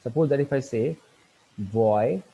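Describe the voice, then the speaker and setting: Male lecturer, mellow and breathy, halting online grammar class delivery. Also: mid-range voice, highs cut off. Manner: halting, many fillers and restarts, spells words out letter by letter. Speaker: teacher.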